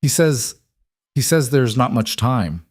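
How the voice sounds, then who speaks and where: A man's voice: mid-range voice, expressive, takes it slowly, dry recording, studio quality, pitched above the performer's own voice. A man voicing a grieving young woman who speaks in a strained voice and holds back tears, as an audiobook character. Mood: strained grief. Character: grieving young woman, daughter of a dying father.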